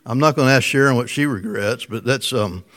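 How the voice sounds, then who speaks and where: A man preaching a sermon, telling stories with frequent chuckles and dropping from loud emphasis to a soft hush. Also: medium pitch, a little fast.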